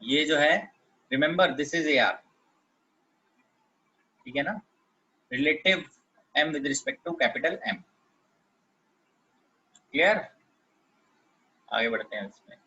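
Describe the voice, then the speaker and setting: A man's voice: fairly high pitch, expressive, extremely slow, long pauses, pushed and bright, husky, highs cut off. A man teaching physics in a classroom lecture, explaining step by step and often checking that students follow.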